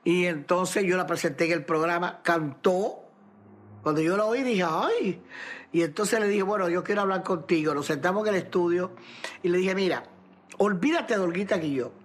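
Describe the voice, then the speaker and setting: A woman's voice: on the low side, normal speed. A woman, a former TV presenter, fondly reminiscing in an interview and quoting her own past words.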